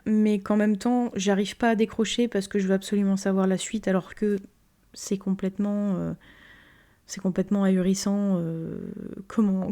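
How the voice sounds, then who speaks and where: A woman's voice: medium pitch, dark tone. A young woman casually reviewing anime, rambling with many fillers and repeated "very, very".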